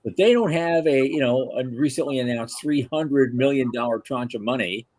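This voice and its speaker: A man hosts a podcast interview in a loose, chatty manner, tossing in informal asides. His voice sits at a middle pitch, and the sound is dry and close with no room echo. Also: normal speed, a little mellow. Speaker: podcast host. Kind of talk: casual interview chat.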